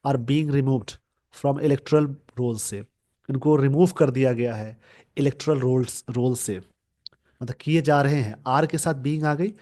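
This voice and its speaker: A man with a darkish, mid-range voice teaches English from a newspaper editorial aimed at exam takers. He reads each sentence slowly, goes through it word by word, and tells his viewers which points to write down and remember.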